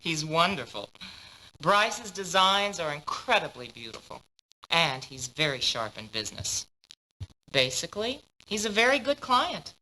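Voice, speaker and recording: Brief: a composed female agency boss in a mystery game, low and bright, with faint hiss under her lines. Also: big pitch swings, measured pace, heavily acted, rough recording. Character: poised, businesslike female modeling agency boss. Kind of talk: dubbed video game dialogue.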